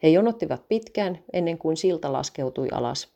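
A woman reads a story aloud, calm and even from line to line. Her voice sits on the low side and sounds warm and mellow. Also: vocal fry.

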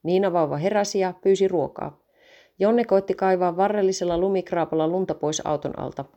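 A woman reading a story aloud in a calm, even storytelling manner. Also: on the low side, muffled recording.

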